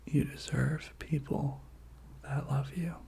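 Softly whispering in a breathy ASMR style, someone delivers a pep talk built from short, repeated words of encouragement. The voice sits at a medium pitch, with fairly even intonation and a slow pace.

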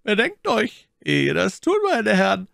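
A man's voice: high-pitched, huge pitch swings, unhurried, creaky, a bit bright, no echo, clean studio sound, pitched above the performer's own voice, full character voice. A man doing an imperious cardinal. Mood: commanding. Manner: imperious, ringing, commanding. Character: commanding, cunning male cardinal, used to giving orders.

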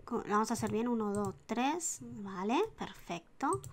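A woman's voice: on the high side, expressive, measured pace. Woman, Spanish accent, chatty gameplay talk, counts aloud, drops to whispers, keyboard typing. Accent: Spanish (Spain), sliding into a put-on Argentine. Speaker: gaming YouTuber. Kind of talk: casual Sims gameplay commentary.

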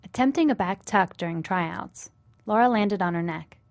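A woman reporter reading a scripted television news narration in a measured storytelling way. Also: medium pitch, expressive, slight background noise.

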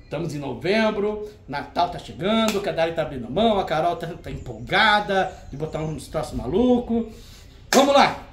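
A man's voice: a little high, sing-song, moderate pace, fairly bright tone, a little hiss or hum. A man hosting a retro game auction, showing old cartridges in casual, teasing banter. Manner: chatty, teasing, jokey banter with a helper.

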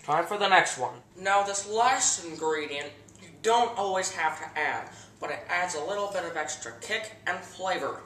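A deadpan teenage boy with a voice that sits high hosts a parody home cooking show, speaking at a normal pace in an earnest instructional tone while describing absurd steps. He's recorded indoors in a home kitchen by a camera mic placed a bit far across the room. The kitchen sounds echoey, with slight background noise.

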